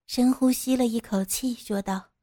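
A woman reading a scripted story in a soft, even narrating voice. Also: fairly high pitch, normal speed.

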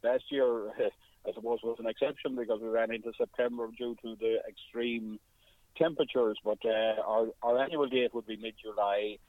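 A man with an Irish accent speaking as a press officer in a radio phone interview, explaining politely in halting phrases. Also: medium pitch, steady tone, dry recording. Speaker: motor club press officer, radio guest. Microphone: telephone. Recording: narrow, tinny phone line.

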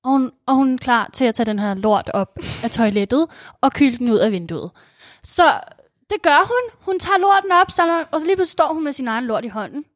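A woman's voice: high-pitched, expressive, no room sound, studio quality. A woman chatting casually, jumping in to carry a funny story along. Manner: chatty, chimes in, finishes the story with him.

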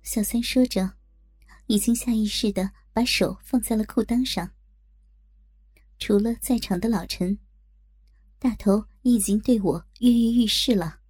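A woman tells a first-person adult story in a husky, mellow voice, coy and teasing. Soft music plays faintly under her. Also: mid-range voice, unhurried, long pauses. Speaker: narrator.

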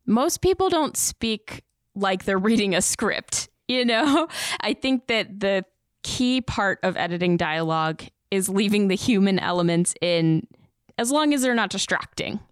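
A woman podcast producer answering interview questions about editing in a relaxed, conversational way. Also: mid-range voice, unhurried, clean tone, no echo, clean studio sound. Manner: relaxed, conversational, laughs lightly. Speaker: podcast producer, guest expert. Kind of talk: interview answers, casual explaining.

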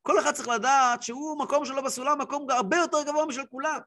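A man in his thirties, a rabbi telling a story in a weekly religious class with lively voiced quotes. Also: very high-pitched. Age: 30s.

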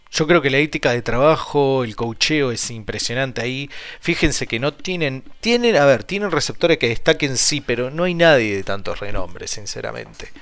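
A man's voice: mid-range voice, a bit bright, dry recording. A man with an Argentine Spanish accent casually hosts a solo sports podcast, rambling and repeating himself, his mouth sore from a split lip and cut tongue. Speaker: podcast host.

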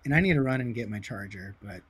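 A man chatting casually as a podcast guest, rambling and excitable, swearing now and then. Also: on the low side, fast, slightly rough, dry recording. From California. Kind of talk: casual chat.

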